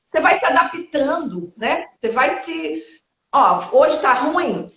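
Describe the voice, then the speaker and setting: A woman in her fifties speaking as a guest in a live-stream interview, lively and blunt, with quick asides and the odd swear word. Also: sits high, reverberant. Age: 50s. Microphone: video call.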